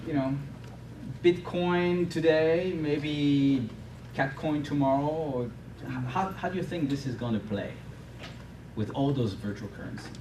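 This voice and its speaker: Halting moderator man, echoey hall. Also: on the high side. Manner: halting, restarts questions. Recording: distant echoey hall with noise.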